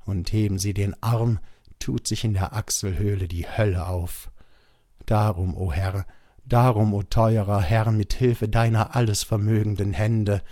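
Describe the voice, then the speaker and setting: Storybook: man doing an old jackal, wailing and imploring, fairly low voice, dry sound. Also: fairly even intonation, a little slow, warm tone, no room sound. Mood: lamenting. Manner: lamenting, imploring.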